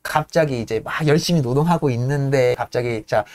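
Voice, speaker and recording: A man retelling a play in animated storytelling style, laughing often. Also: mid-range voice, a little fast. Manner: laughs often, lively, acts out characters. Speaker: podcast host retelling a play.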